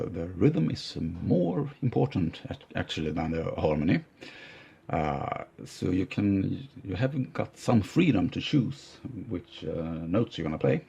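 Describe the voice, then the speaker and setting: A middle-aged man teaching piano, explaining calmly with hesitant "uh" pauses and loudly chanting rhythm words as he plays. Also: low-pitched, vocal fry, husky. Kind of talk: explanatory music lesson. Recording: dull lo-fi sound with loud piano. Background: piano playing.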